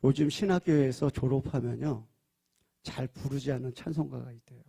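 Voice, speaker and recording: A male pastor preaching a sermon at a church prayer service. He asks the congregation questions and swings between loud, emphatic lines and soft, hushed ones. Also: mid-range voice, fairly even intonation, moderate pace, creaky, breathy edge.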